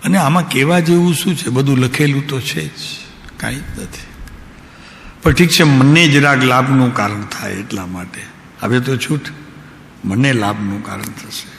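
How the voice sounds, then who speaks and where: A man, a spiritual teacher, giving a devotional discourse in a calm, unhurried way and asking his listeners direct questions. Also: medium pitch, gravelly. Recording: echoey hall, faint background noise.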